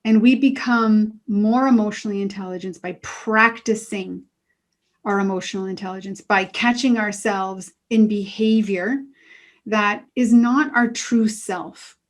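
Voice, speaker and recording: A middle-aged woman answering interview questions as an emotional intelligence coach, calm and earnest, giving advice. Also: medium pitch, unhurried.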